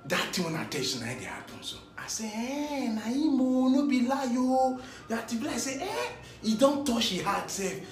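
A comedian with a Nigerian Pidgin accent tells a comic story in an animated way, chuckling often as he goes. His voice is very high-pitched at a moderate pace, and the recording has a roomy echo.

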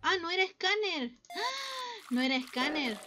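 A woman's voice: high-pitched, expressive, moderate pace, pushed and bright, slight background noise. A woman streaming a game, exclaiming dramatically and playing along with mock radio talk. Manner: dramatic, exclaiming, playful radio-talk ending lines with "over". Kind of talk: casual gaming chat.

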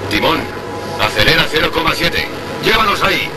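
A man's voice: on the high side, very animated, moderate pace. An actor playing a male starship officer who hails a lone survivor over a distant radio link, giving clipped, commanding orders. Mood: urgent. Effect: distant radio transmission. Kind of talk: video game dub acting.

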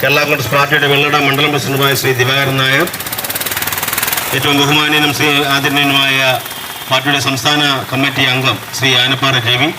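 A man's voice: mid-range voice, flat delivery, fairly quick. A man with a Kerala accent giving a formal political speech as a local party leader. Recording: echoey outdoor setting with traffic noise.

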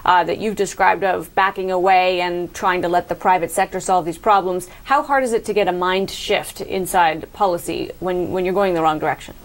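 A woman's voice: fairly low pitch, fairly even intonation, moderate pace, few pauses. Woman TV host asking probing questions. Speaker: TV news host. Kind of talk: TV news interview. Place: TV studio.

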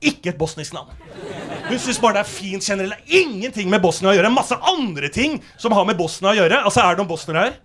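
A male stand-up comedian on a theater stage, telling a story in a brash, animated way with plenty of swearing. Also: high voice, slight background noise. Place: theater stage before a live audience.

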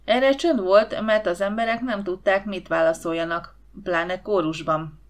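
Woman narrating an audiobook, lively. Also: mid-range voice. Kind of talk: scripted narration.

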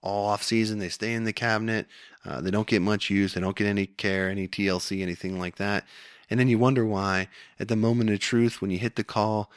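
A man's voice: lowish voice, level tone, a little fast, smooth, dry recording, clean studio sound. A man co-hosting a podcast, giving casual, folksy instructional talk in plain-spoken words. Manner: folksy, plain-spoken, addresses listeners as guys. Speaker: co-host of a hunting tips podcast.

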